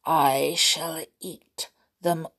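A woman's voice: low-pitched, steady tone, extremely slow, a bit bright, breathy edge, pitched below the performer's own voice, exaggerated voice. A woman playing a sly greedy crocodile. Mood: gloating. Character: greedy scheming male crocodile, big and sly.

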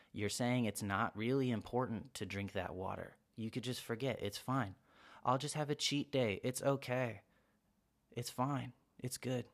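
A young man hosting a podcast, rambling through casual self-help advice and acting out short quoted exchanges in a raised voice. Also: mid-range voice. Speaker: podcast host.

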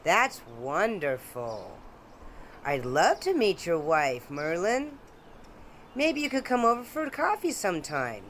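A woman's voice: on the low side, sing-song, slow, fairly bright tone, a little hiss or hum, full character voice. An actress playing a polite, grieving middle-aged neighbor and mother.

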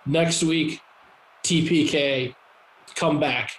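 A man's voice: a little high, fairly even intonation, very slow, reverberant, a little hiss or hum, poor audio. A man voicing an arrogant heel wrestler addressing the crowd, smug and dismissive. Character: arrogant heel male wrestler cutting a promo.

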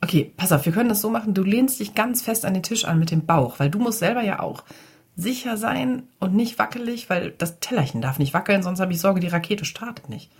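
A woman voicing a gentle mother who coaxes and fusses a little, slightly raised from her own voice. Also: medium pitch, expressive, brisk, breathy edge, pitched above the performer's own voice. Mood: careful.

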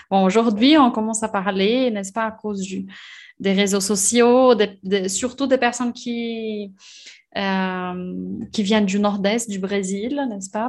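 Brazilian woman speaking French, reflective. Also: mid-range voice. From Brazil, Minas Gerais. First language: Portuguese. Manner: reflective, repeats tag questions. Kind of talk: casual conversation.

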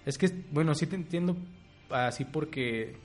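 A young Mexican-accented man co-hosting a podcast in loose slangy chat. His voice sits a bit high, and he laughs often and acts out the lines he quotes loudly. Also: normal speed, faint music behind. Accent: Mexican Spanish. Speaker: podcast co-host. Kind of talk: casual chat.

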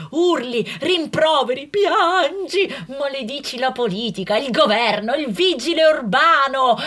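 Lively, theatrical woman. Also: fairly high pitch. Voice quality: theatrical, animated. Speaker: singer. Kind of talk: comic monologue.

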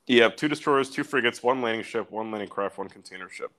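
A man's voice: mid-range voice, quick pace, fairly bright tone. A young man co-hosting a casual podcast, reading war facts aloud with loose, profane asides. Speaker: podcast co-host. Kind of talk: casual chat.

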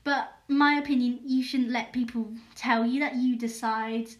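A young-sounding woman with a slightly high voice hosts her own podcast. She talks candidly and hesitantly, full of "like" and restarts, reflecting aloud. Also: fairly even intonation, moderate pace. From England. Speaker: podcast host. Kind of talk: personal podcast monologue.

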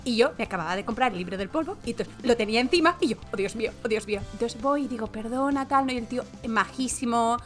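A woman co-hosting a chat show, telling a story in a relaxed, casual way and acting out the voices of the people in it. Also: fairly high pitch, fast talker, few pauses, soft background music. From Barcelona. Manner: animated anecdote-telling, acts out quoted voices. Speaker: podcast co-host, translator.

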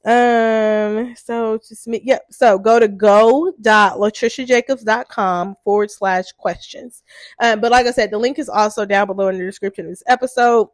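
A woman's voice: mid-range voice, fairly even intonation, moderate pace, dry recording. A woman in her thirties hosting a casual solo podcast, chatty and full of "like", with a stuffy, congested nose. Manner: chatty, says "like" a lot. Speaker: podcast host.

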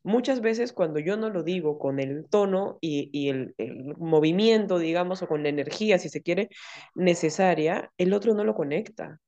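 With a lowish voice at normal speed and the highs cut off in the recording, this woman therapist explains ideas in a casual podcast. She often brings quoted dialogue to life with lively voices.

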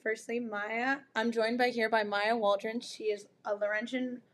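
Hoarse, raspy woman hosting a podcast. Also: on the high side, flat delivery, normal speed, over loud music. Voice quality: raspy, smoker-like rasp. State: hoarse from screaming at a game. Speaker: podcast host. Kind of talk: casual interview.

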